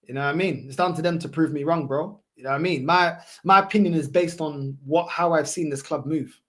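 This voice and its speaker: A man's voice: on the high side, fairly quick, a bit bright. A man with a London roadman accent chatting casually as a football livestream host, slangy and repetitive with emphatic phrasing. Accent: London roadman, multicultural London English. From London, England. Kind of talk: casual livestream chat, answering viewer comments.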